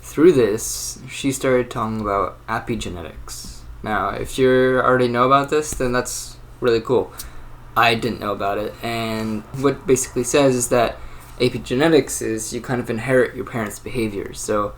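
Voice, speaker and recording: A man's voice: medium pitch, normal speed, a little hiss or hum. Rambling young man thinking aloud. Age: 20s. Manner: rambling and thoughtful, many fillers and restarts. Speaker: channel host. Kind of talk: casual solo monologue.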